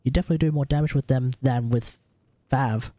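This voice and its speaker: An Australian man hosting a game livestream chats casually and swears freely as he thinks aloud, advising on character builds. He talks fast at medium pitch with fairly even intonation and a dark tone, and there's no room sound.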